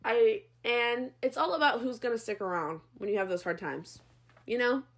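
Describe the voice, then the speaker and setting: A woman's voice: on the high side, moderate pace. A young woman co-hosting a podcast, chatting casually in a giggly, rambling way. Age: young adult. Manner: giggly, rambling, animated storytelling. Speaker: podcast co-host. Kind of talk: casual chat.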